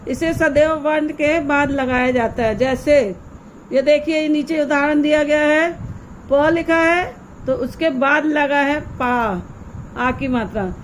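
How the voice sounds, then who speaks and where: A woman teaching young children in a slow, unhurried way, her voice pitched high and clear. She explains each step patiently and keeps putting questions to her pupils. Faint ambience sits behind her. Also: slight background noise, poor audio. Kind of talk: online grammar lesson for young children.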